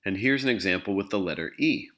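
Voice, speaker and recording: Male language teacher, very low voice, patient scripted explainer. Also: lively intonation, fast, sharp tone. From English-speaking country. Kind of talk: scripted instructional narration.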